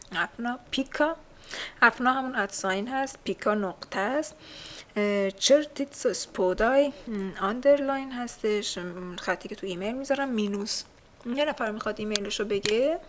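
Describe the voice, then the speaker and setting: A woman's voice: medium pitch, slight background noise. A woman with a Persian accent teaching a language lesson from a textbook. She explains things patiently and uses many fillers. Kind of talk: casual recorded lesson reading a textbook.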